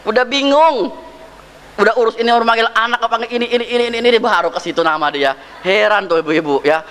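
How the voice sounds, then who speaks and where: A pastor preaches a sermon in a reverberant hall, joking, acting out dialogue and firing rhetorical questions straight at his congregation. His voice sits high and fairly bright, clear and resonant, and he talks fast.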